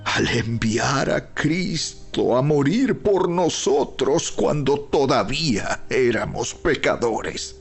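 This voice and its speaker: Gravelly man solemnly narrating scripture over music. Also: medium pitch, lively intonation. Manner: solemn, deliberate, emphatic delivery with weighty pauses. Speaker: Bible narrator. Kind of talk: dramatized scripted Bible narration. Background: background music.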